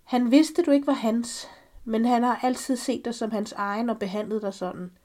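A woman reading the lines of a widowed older mother who gently and solemnly confesses a family secret. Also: a little high, fairly even intonation, lightly acted. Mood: tender confessing. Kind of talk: reading a story aloud.

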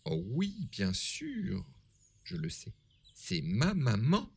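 A man voicing an innocent little dragon child in a storybook reading, soft and matter-of-fact. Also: mid-range voice, huge pitch swings, slow pace, vocal fry, slightly rough, voice pushed up, full character voice.

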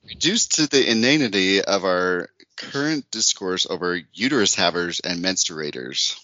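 Man, podcast co-host, low voice with a bright, pushing edge, laughs a lot, swears, dull dry lo-fi sound. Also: animated, normal speed, dry recording. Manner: laughs often and swears freely; reads article passages aloud sarcastically. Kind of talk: casual chat.

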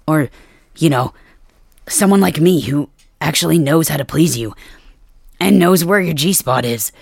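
Whispered role-play, close and dry: a performer voicing a cocky, rough-edged man who turns gentle. The voice is gravelly and husky and speaks slowly, with mild cursing. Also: mid-range voice, no echo. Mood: reassuring. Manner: soft-spoken, gruff, mildly cursing. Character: brash adult man, cocky yet caring.

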